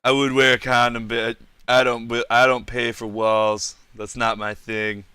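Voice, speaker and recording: A man co-hosting a casual online podcast, firing off crude jokes and quick comebacks over a voice call. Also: medium pitch, level tone, sharp tone, clear, resonant tone, no room sound. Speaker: podcast co-host. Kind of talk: casual livestream chat.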